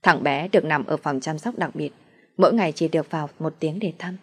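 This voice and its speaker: Low, breathy woman telling a story. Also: a little fast, a bit bright. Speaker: narrator. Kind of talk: first-person story reading.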